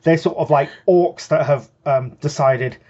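A man's voice: on the high side, measured pace, mellow, dull audio. A man co-hosting a hobby show, patiently explaining game rules in casual chat and often restarting his sentences. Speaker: co-host.

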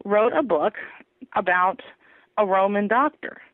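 A woman author telling her story in an animated, laughing way during an interview. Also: medium pitch, unhurried, no room sound. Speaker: author guest. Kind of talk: interview over phone. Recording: tinny phone line, dry.

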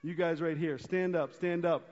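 A man's voice: fairly high pitch, fairly even intonation, normal speed, a little mellow. A man leading a children's sermon at a church service, upbeat and coaxing as he talks to the kids. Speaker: pastor. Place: church sanctuary. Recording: dull sound with long church reverb.

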